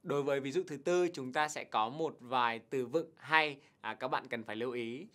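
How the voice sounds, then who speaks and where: A male teacher talks through test answers in a patient, clear way. He pauses to repeat English words slowly and with heavy stress so learners can copy them, in a voice of middle pitch. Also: sharp tone. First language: Vietnamese. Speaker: TOEIC teacher. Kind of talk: televised English lesson, explaining answers and modeling pronunciation.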